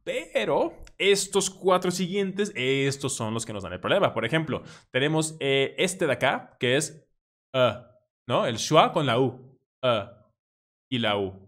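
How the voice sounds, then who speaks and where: Lively man drilling English vowel sounds. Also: fairly high pitch. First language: Spanish. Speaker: English pronunciation teacher. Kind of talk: pronunciation lesson.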